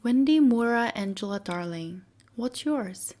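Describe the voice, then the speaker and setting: A woman voicing a polite, motherly little girl in a soft whispered role-play for a bedtime storybook. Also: fairly high pitch, animated, unhurried. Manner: gentle, prim, sometimes indignant.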